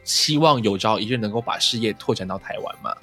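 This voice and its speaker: A man's voice: on the low side, brisk, sharp tone, soft background music. A man with a Taiwanese accent, hosting a casual conversational interview and dropping in the odd English word. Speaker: podcast host.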